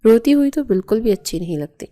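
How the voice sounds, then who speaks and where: A firm young husband from a bedtime storybook, read out by a woman narrator in her own mellow tone. He speaks plainly and steadily, with a warm, soft timbre. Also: fairly high pitch, lively intonation, lightly acted. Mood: gentle. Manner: firm, then gentle. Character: young man, stern husband who softens.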